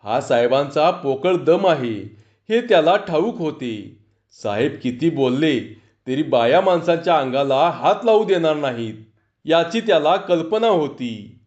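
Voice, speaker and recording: A man's voice: a little high, lively intonation, measured pace, darkish tone. A male storyteller reading a humorous story aloud, narrating expressively between acted voices. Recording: dull lo-fi recording.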